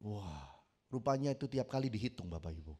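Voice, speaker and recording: Middle-aged male pastor from Indonesia, preaching a story-driven sermon that swells into loud emphatic appeals. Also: lowish voice, lively intonation, fairly quick. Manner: storytelling, acts out quotes, builds to loud emphatic peaks.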